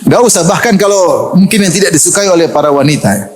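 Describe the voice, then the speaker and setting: A man's voice: high voice, fast. A middle-aged man preaching a sermon to a lecture-hall audience, telling stories with jokes and laughter. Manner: lively storytelling with jokes and laughter.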